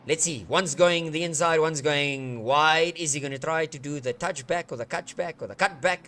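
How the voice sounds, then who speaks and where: A man giving playful, excitable live commentary on a sim race, joking and swearing as the action unfolds. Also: fairly high pitch, normal speed, a little hiss or hum. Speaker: sim racing commentator, streamer.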